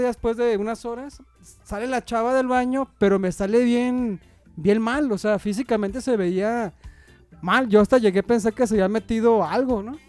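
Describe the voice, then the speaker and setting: A man's voice: high-pitched, darkish tone, dry recording. A young Mexican man with a Mexican Spanish accent, telling a rambling personal anecdote in casual chat, full of slang and fillers.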